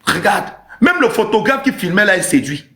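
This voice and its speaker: A man's voice: high voice, very animated, a little fast, fairly bright tone. Emphatic man ranting on a live stream. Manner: emphatic, repetitive, teasing. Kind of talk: comic live-stream rant. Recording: roomy echo.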